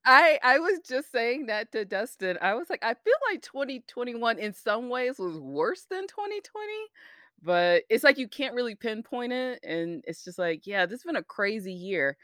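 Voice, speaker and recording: A woman's voice: fairly high pitch, sing-song, normal speed, bright, forceful tone, no room sound, clean studio sound. An American woman in her forties co-hosting a podcast in casual, self-deprecating chat, with a slightly slurred lisp that makes her s sounds slushy. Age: 40s. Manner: chatty, self-deprecating, giggly. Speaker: podcast co-host.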